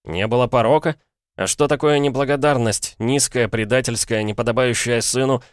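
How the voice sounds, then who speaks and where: A man voicing an indignant, pompous older gentleman stuck in a schoolboy's life, in an audiobook. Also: medium pitch, fairly quick, clean tone, no echo, clean studio sound, voice pushed up, lightly acted. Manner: outraged, shouting, pompous.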